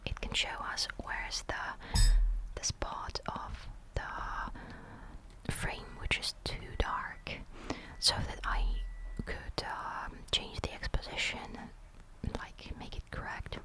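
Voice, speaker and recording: A woman's voice: slow pace, rough recording. A woman whispering through an ASMR show-and-tell of a camera, hesitant and often searching for the right word. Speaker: ASMR host.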